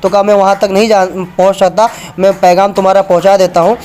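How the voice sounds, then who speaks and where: A man's voice: sits high, level tone, fast, darkish tone. A man giving an argumentative religious talk, reading passages from books and pointing viewers to pages. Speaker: religious speaker.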